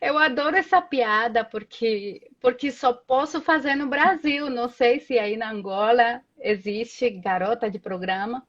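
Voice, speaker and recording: Speaking at an unhurried pace with hardly any pauses, this guest has a fairly high voice and tells stories full of tag questions. She's a Spanish-speaking Colombian in her 30s, chatting casually on a live video call that comes through lo-fi.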